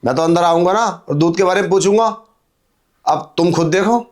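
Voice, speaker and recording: A man's voice: high-pitched, a little fast, natural voice. A man playing a pushy young milkman who wheedles and insists in a melodramatic drama. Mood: insistent. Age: young adult.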